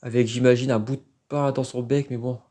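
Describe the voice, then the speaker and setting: A man with a medium-pitched, mellow voice talks briskly and flatly into a handheld phone, live-streaming as he explores an abandoned site outdoors. His commentary is casual and hesitant, as if he's thinking aloud.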